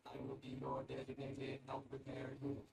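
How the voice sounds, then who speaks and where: A calm, clinical care robot, gravelly and echoey. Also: male voice, medium pitch. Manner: measured, clinical, reassuring machine speech. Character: calm, blunt male medical care robot. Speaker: field hospital helper unit. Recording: echoey game audio with background noise.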